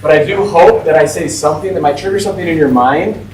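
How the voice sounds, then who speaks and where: A man's voice: a little high, fast talker, a little mellow, far from the mic, a little hiss or hum. A man of about forty, giving a casual, informal talk to a class as a guest speaker, with lots of "like" and "right?". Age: 40s. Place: school classroom. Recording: echoey room, voice from off-mic.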